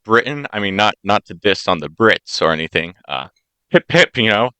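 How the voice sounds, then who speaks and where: A man's voice: on the low side, normal speed, clear, resonant tone, no echo. A young man from the United States co-hosting a casual podcast, telling stories and acting out the voices of the people in them. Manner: animated storyteller, acts out quoted voices. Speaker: podcast co-host.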